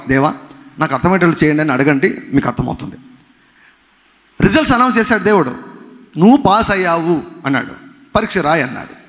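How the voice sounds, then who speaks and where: Pastor, man, emphatic sermon with big swings in pitch, slightly raised voice, long reverb of a church hall. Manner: emphatic preaching, swinging from soft to loud; mixes in English phrases.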